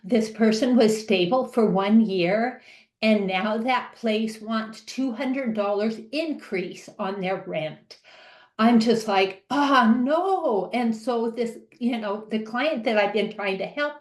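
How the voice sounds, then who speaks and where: A woman speaking as a live interpreter, voicing a deaf advocate's question on a webinar in halting speech with restarts. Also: on the high side, reverberant. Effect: live sign language interpreter voicing a deaf participant's question.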